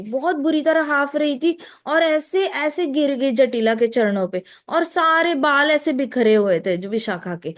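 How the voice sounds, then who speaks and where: A woman telling a devotional story vividly, repeating phrases and mixing in English words. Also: sits high.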